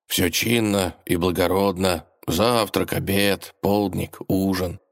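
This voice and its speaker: A man reading an audiobook, voicing a young princess who is bored, dreamy and headstrong, in a high, excitable, sing-song voice. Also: slow, gravelly, dry recording, studio quality, heavily acted. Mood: sulky. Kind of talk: audiobook character voice.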